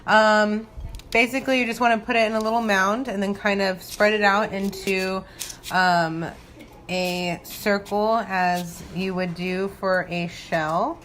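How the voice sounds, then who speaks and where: A woman's voice: medium pitch, fairly even intonation, measured pace, fairly bright tone. A woman giving a casual home cooking demo, chatting informally and thinking aloud in a loose, giggly, tipsy way. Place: home kitchen. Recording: noisy home recording with kitchen ambience.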